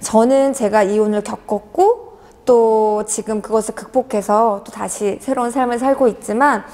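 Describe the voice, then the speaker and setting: Fortyish woman, earnest and halting interview answers, slightly high voice. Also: steady tone, warm tone, in a large hall. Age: 40s. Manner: earnest, hesitant with many fillers. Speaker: author being interviewed.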